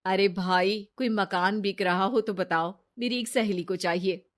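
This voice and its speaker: A woman voicing a scheming, sweet-talking young woman friend in an animated storybook, with coaxing, persuasive chatter. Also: mid-range voice, measured pace, lightly acted.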